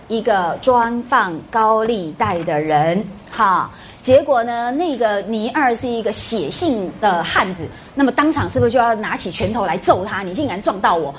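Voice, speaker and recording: Lively woman lecturer quizzing her class. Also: a little high, moderate pace, slight background noise. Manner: quizzes students with rhetorical questions and tag particles. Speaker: university lecturer.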